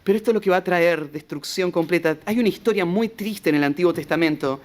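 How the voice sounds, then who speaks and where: Argentine pastor retelling a Bible story. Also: male voice, sits high, fast, darkish tone. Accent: Rioplatense Argentine Spanish. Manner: storytelling preacher, retells scripture with rhetorical asides; stammers and repeats short words. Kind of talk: expository Bible sermon.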